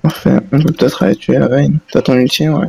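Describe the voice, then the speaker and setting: A man chatting casually with a friend while they play a game together, reacting quickly to what happens. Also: a little high, creaky, crowd noise. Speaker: teammate on voice chat. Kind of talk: casual gaming chat.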